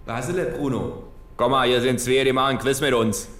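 Gruff Berlin cop, curt questions, roomy echo, played by a man. brief: blunt, bored. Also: mid-range voice, steady tone, fairly quick, a bit bright, slight background noise, pitched above the performer's own voice, close to an everyday voice.

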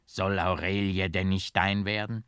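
A man's voice: deep voice, level tone, a little slow, clean tone, dry recording. A man voicing a cold tempter spirit who whispers insinuations, in a dry, close recording. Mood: insinuating. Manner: hushed, insinuating.

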